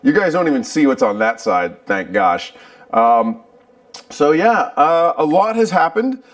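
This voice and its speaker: A man's voice: fairly high pitch, big pitch swings, measured pace, recorded from a distance. A man doing a casual livestream from his cluttered garage, chatting and muttering to himself while he fiddles with the settings. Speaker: livestreaming vlogger.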